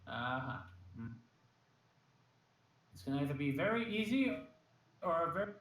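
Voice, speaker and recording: Excitable, rambling tabletop player. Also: male voice, on the high side, a little slow. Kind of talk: casual tabletop game chat. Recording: echoey room, far from mic.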